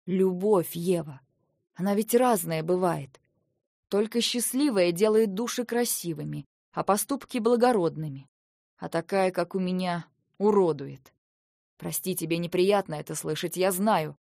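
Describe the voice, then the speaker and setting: A woman voicing a cold, possessive husband of an ancient race, speaking low and menacing with a hiss in his voice. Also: a little slow, vocal fry, a little mellow, no room sound, studio quality. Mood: bitter. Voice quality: hissing, menacing.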